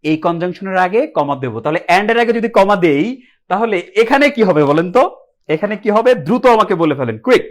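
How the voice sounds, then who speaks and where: A man's voice: sits high, lively intonation, moderate pace. A young man teaching an English grammar class live online, asking the students questions and answering them himself, with English words mixed into his speech.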